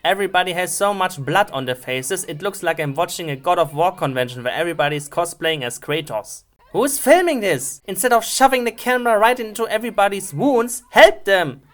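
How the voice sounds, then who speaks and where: A woman's voice: lowish voice, fairly quick, hardly any pauses, fairly bright tone. A woman delivering scripted comedic film review commentary in a sarcastic, mocking, sweary way.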